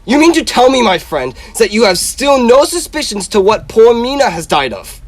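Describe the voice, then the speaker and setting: A man's voice: extremely high pitch, big pitch swings, moderate pace, no echo, exaggerated voice. A young man in a radio drama playing a grave, insistent professor who hunts vampires, speaking in an emphatic, solemn, theatrical way. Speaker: actor in a school radio drama.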